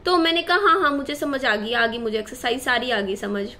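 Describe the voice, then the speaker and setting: A woman's voice: high-pitched, fairly quick, pushed and bright, slight background noise. A woman in her twenties telling a personal story to her viewers in a chatty, rambling way, with many fillers and self-corrections. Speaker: vlogger.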